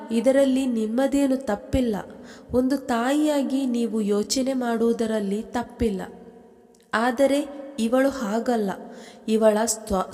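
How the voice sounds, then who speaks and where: A woman reading aloud plays a young wife crushed by her best friend's betrayal. She speaks slowly through tears, with a voice pitched a little high. A long reverb trails behind her words. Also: a little mellow. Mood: grieving. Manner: tearful, accusing.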